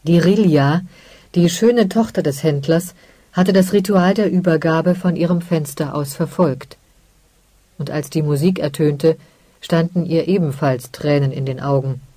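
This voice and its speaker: An audiobook narrator reading a fantasy story in calm, measured scripted narration. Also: medium pitch, no echo.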